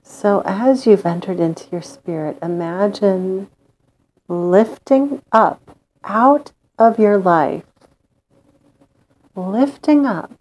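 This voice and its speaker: Slow, mellow woman leading a guided meditation. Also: medium pitch, low-quality recording. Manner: calm, gentle, unhurried with long pauses.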